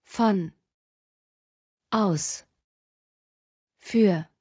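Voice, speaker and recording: A woman slowly reading short sentence parts and single words aloud for language learners. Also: medium pitch, a little mellow, slightly rough, no room sound, highs cut off. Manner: reads single words and short fragments one by one.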